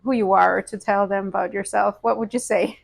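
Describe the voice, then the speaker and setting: A woman's voice: medium pitch, fairly even intonation, fairly quick, gravelly. A woman hosts a casual podcast interview, asking encouraging questions of a friend. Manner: warm, encouraging interviewer, nervous at start. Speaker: podcast host.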